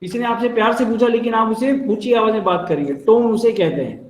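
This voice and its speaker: Indian male trainer, high-pitched, friendly explainer, lecture in a reverberant room. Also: fairly quick. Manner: explains with everyday examples, addresses listeners as friends. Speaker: telecalling trainer. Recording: echoey room.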